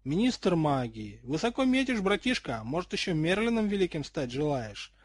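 A man voicing a cocky teenage boy wizard who talks loud and sarcastic, in a dry recording. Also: high voice, big pitch swings, fairly quick, no room sound, voice pushed up. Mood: mocking.

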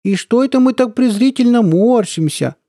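A man putting on a squeaky, cooing army colonel. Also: lively intonation, normal speed, dark tone, dry recording, clean studio sound. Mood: cooing mockery. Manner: lisping, squeaky cooing baby-talk; mocking, taunting. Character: mocking, sly middle-aged male army colonel.

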